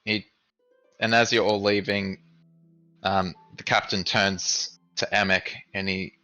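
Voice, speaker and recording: A man narrating as game master of a tabletop game, casual and halting. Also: sits low, little pitch movement, pushed and bright, dull audio, faint music behind.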